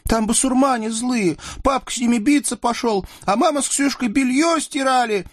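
A man's voice: very high voice, normal speed, no room sound, clean studio sound, voice pushed up. A man doing a frightened little girl. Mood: urgent.

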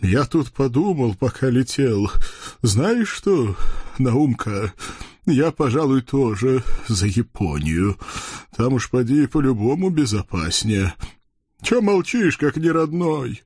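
A man's voice: mid-range voice, sing-song, slow pace, darkish tone, slightly rough, dry recording, clean studio sound, voice pushed up, full character voice. A man voicing a fat, snub-nosed male devil who blusters and bickers. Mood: blustering.

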